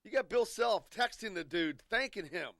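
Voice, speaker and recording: A sports radio host, a man with a Midwest American accent, talks in a fairly high voice for a man. He has a cold and gets loud and pushy when he argues a point. The studio sound is dry and close. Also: normal speed, dry recording. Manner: animated, argumentative, jokey. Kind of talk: casual sports talk radio banter.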